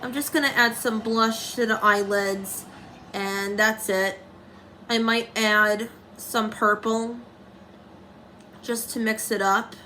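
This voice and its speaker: A woman's voice: on the high side, steady tone, takes it slowly, pushed and bright, slight background noise, rough recording. A young woman talking through a casual makeup tutorial, rambling and commenting on herself, with dry sarcastic asides.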